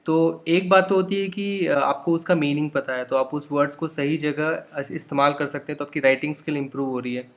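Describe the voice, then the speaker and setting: A young man with an Indian accent explains a textbook chapter line by line. He talks patiently, blending English words and phrases into his lesson. His voice sits a little higher than most men's. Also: fairly even intonation, a little fast, few pauses. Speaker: English teacher.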